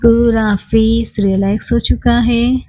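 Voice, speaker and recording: A woman leads a guided body scan meditation very slowly. Her fairly high voice is calm and soothing, and she leaves long, unhurried pauses while telling the listener to relax.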